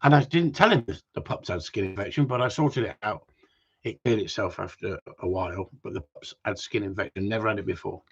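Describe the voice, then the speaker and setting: A man's voice: lowish voice, fairly quick, breathy edge. A man who chats to viewers in a rambling, casual way and swears freely. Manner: swears a lot, jumps between topics, loud outbursts. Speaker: gundog breeder livestreaming. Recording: dull lo-fi home stream.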